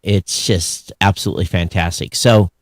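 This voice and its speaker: Low-pitched and fairly even in intonation, this American man speaks at a moderate pace as a podcast co-host, rambling conversationally in unscripted show chat. The sound is clean studio audio with no room sound.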